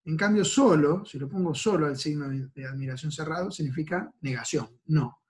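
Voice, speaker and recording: A man's voice: fairly high pitch, a little fast. A man with an Argentine Spanish accent, giving a recorded university lecture and explaining each step patiently, checking in with students after nearly every phrase.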